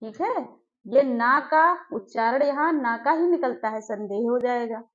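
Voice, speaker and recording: Woman teacher, fairly high voice, slow syllable drills, dull lo-fi sound. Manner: slow, drawn-out syllable drills with repeated questions. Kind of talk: exam-prep grammar lesson. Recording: dull lo-fi recording.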